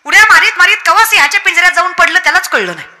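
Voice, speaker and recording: High, piercing woman preacher. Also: lively intonation, very fast, bright, forceful tone, soft background music. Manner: rousing, scolding, jokes and acted voices. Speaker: kirtan preacher. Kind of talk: comic devotional sermon.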